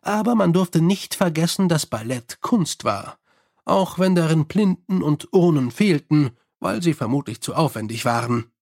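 A man narrating a comic fantasy audiobook in a measured, wry storytelling manner. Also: a little high, animated, gravelly, darkish tone. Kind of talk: scripted narration.

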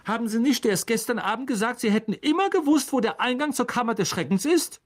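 Indignant woman teacher, very high, quick, accusing, as an audiobook reader puts her on. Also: animated, lightly acted.

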